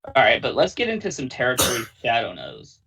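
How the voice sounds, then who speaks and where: Husky man on a distant mic. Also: mid-range voice, huge pitch swings, fairly quick, bright, forceful tone. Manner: easygoing, upbeat recommending. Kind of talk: casual podcast chat.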